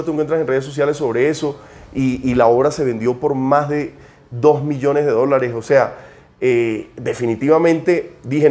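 A man's voice: mid-range voice, a little mellow. Colombian male guest, cigar producer, hesitant, stumbles over repeated words. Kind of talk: conversational interview.

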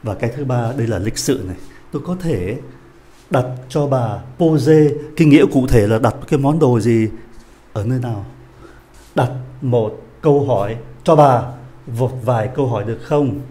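A man teaching a French lesson, patiently explaining a dialogue and slowing down to repeat phrases. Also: mid-range voice, warm tone.

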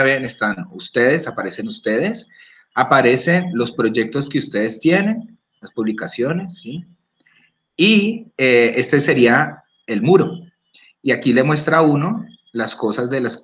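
A man giving a casual screen-recorded app tutorial, explaining step by step, often checking in and clearing his throat. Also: mid-range voice, expressive, normal speed, fairly bright tone. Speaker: workshop instructor. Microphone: computer or phone microphone.

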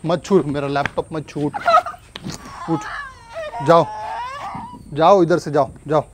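A man's voice: fairly high pitch, takes it slowly, heavy background noise. A man staging an angry argument at home, scolding and threatening someone. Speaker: prankster husband.

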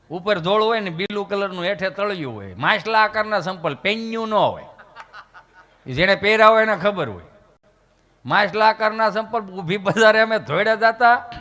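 A man's voice: high-pitched, sharp tone, big-room sound. A man telling folksy comic stories on stage, acting out characters as he goes. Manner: folksy, voices characters in anecdotes. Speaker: comedian. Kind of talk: comic storytelling to a live audience.

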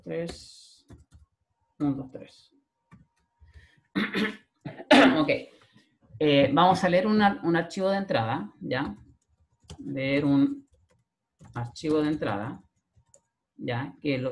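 A man's voice: a little high, a little slow, long pauses. A male programming lecturer with a Chilean accent, explaining step by step and checking in with a frequent "¿ya?". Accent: Chilean Spanish. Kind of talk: recorded screen-share class.

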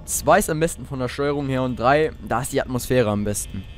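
A man's voice: mid-range voice, fairly quick, soft background music. A teenage boy playing a horror game, jumpy and swearing often as he talks to his viewers. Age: teens. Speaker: let's player.

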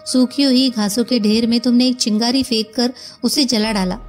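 A woman voicing a grief-stricken, volatile male professor who shouts through tears. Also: steady tone, normal speed, soft background music, lightly acted. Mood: distraught. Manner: shouting, tearful, raised pitch.

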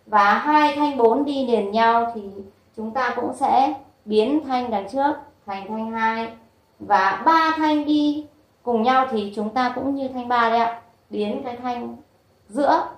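A woman with a Vietnamese accent teaching Chinese pronunciation, drilling syllables slowly one by one. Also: sits high. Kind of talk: slow pronunciation lesson. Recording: roomy echo, voice away from mic.

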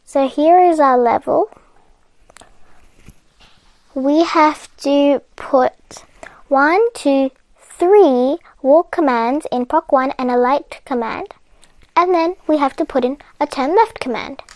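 High-voiced woman calmly narrating a coding game. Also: takes it slowly, long pauses, dry recording. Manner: patient and chatty, laughing off her own slips. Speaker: coding tutorial host. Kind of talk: step-by-step game walkthrough narration.

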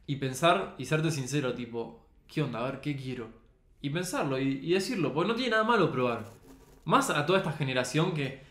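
Recorded in a studio with a roomy echo, a young man with a Rioplatense Spanish accent speaks in a mid-range, fairly bright voice. He's a podcast guest and photographer, talking earnestly in relaxed conversation full of slang fillers.

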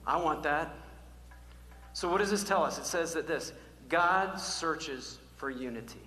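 A male pastor preaching a sermon to his church, emphatic and repetitive, swinging from loud calls to hushed, almost whispered lines. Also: fairly high pitch, unhurried, soft background music. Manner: emphatic, repeats key words, varies from loud calls to near-whisper. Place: church sanctuary. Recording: echoey hall, faint hum.

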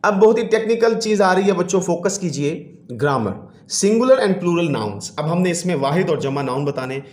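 A man with a fairly high voice leads a classroom English lesson. He reads each English line slowly, then explains it briskly, often asking "जी". The sound is echoey and roomy. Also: expressive, darkish tone. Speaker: teacher. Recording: echoey room.

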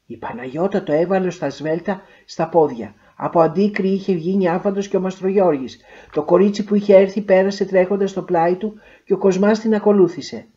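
A woman narrating a literary short story in a measured, expressive way. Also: lowish voice, lo-fi sound.

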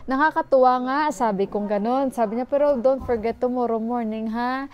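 A woman's voice: a little high, moderate pace, lo-fi sound. A woman from the Philippines, talking casually to her vlog viewers from home on a handheld phone camera and calling them "guys" every few words. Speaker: vlogger. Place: home, indoors.

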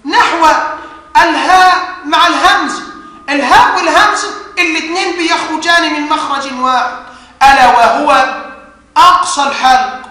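A male university lecturer with an Egyptian accent, explaining step by step and slowing down to spell out words. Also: very high voice, pushed and bright. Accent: Egyptian Arabic. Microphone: studio lecture recording. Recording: echoey hall reverb.

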